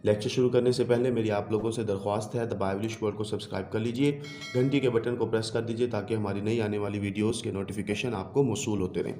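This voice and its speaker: A man teaching a children's English lesson, explaining patiently and reading English examples slowly aloud. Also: fairly low pitch, fairly even intonation, dark tone, roomy sound, soft background music. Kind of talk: classroom lecture.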